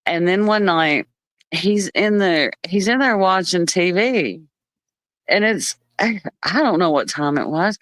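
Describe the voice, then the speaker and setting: A woman telling family stories in a casual live chat, animated and laughing often. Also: on the low side, measured pace, dry recording. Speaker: live stream co-host.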